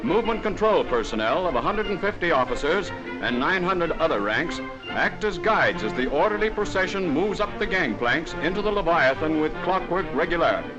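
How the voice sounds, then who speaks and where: A man delivers old newsreel narration in a brisk, formal announcing manner. His voice sits somewhat high and swings in lively rises and falls. The dull, lo-fi soundtrack carries clear music beneath him.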